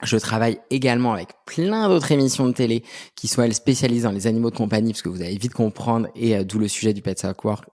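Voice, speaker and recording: Talking fast in a medium-pitched, darkish voice, this Breton interview guest in his thirties, a pet specialist and agency head, keeps the conversation casual while filling it with restarts and filler words.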